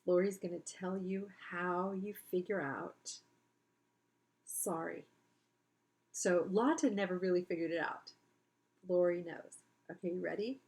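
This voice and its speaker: A woman's voice: lowish voice, a little slow, pauses often, darkish tone, poor audio. A woman teacher reading a children's book aloud, breaking off to explain things to her listeners in a chatty way.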